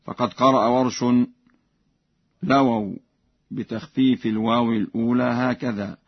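A man teaching Quran recitation. He gives measured explanations, then chants the examples slowly and melodically. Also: medium pitch, steady tone, slightly rough, no echo, lo-fi sound.

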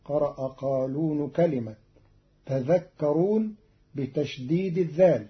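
A man with a slightly high voice explains Quran recitation variants in measured, scripted narration. He pauses to recite each verse slowly in melodic tones. The recording is dull and lo-fi.

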